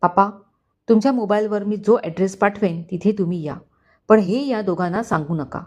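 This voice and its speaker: A woman voicing a calm, composed young man who reassures his father, in a storybook reading. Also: mid-range voice, normal speed, highs cut off, natural voice. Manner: calm, steady.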